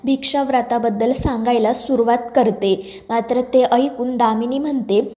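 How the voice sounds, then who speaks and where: A woman narrates a scripted episode summary in a steady, read-aloud storytelling manner. Her voice sits high yet sounds mellow and warm. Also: moderate pace. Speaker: serial recap narrator.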